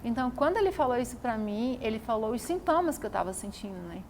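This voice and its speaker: A woman's voice: on the high side, lively intonation, fast, a little mellow, a little hiss or hum. A woman telling her own story to camera, repeating phrases for emphasis. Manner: repetitive, emphatic retelling. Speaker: vlogger.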